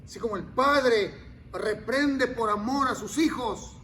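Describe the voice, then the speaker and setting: A male pastor preaching a sermon, dropping to near-whispers and then rising to loud, pleading cries. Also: very high voice, a little slow, slight background noise. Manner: swings from quiet murmurs to loud cries.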